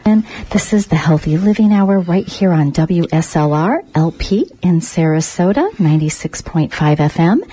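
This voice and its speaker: A woman's voice: lowish voice, expressive, moderate pace, few pauses, dark tone, breathy edge. A woman hosting a radio interview in a reflective, polite manner. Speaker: radio host.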